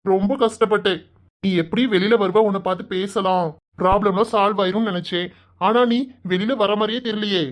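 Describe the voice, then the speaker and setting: Cartoon role: a teasing, soft-spoken young village man with a Kanyakumari Tamil accent, a woman doing the voice. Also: mid-range voice, steady tone, natural voice. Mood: reassuring. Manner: teasing and coaxing, soft and drawn-out. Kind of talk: cartoon voice acting.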